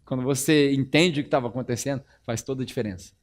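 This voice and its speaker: A man's voice: medium pitch, fast talker. A male pastor with a Brazilian accent, preaching a conversational sermon in a church and telling stories with animation. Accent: Brazilian Portuguese.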